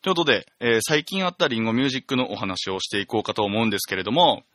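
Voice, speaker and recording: Male radio host, Tsugaru accent, bright animated delivery, polite and chatty, close dry sound. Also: mid-range voice, very fast, dry recording. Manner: animated, polite, reacts readily to guests. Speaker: radio show host, talent agency employee. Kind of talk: casual radio chat.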